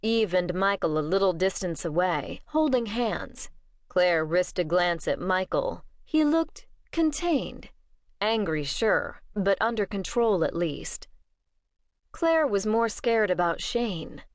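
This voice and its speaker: A woman narrating an audiobook in a measured, steady storytelling manner. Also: mid-range voice, no room sound, studio quality.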